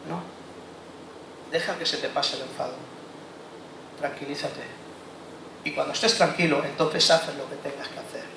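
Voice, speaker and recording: A pastor preaching a conversational sermon, acting out inner monologues and asking the congregation rhetorical questions. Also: male voice, on the high side, pushed and bright, a little hiss or hum. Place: church hall. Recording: echoey church hall, faint ambience.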